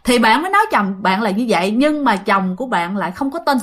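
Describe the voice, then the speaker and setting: A woman tells a ghost story, talking to her listeners as friends. Her voice sits somewhat high. The delivery is relaxed and conversational. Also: fast talker. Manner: chatty, addressing listeners directly.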